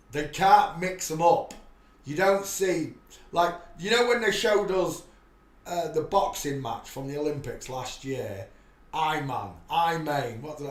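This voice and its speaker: A livestream host delivers a preachy, rambling monologue, often restarting sentences and breaking into sudden loud bursts. His voice is mid-range, and the room sounds echoey.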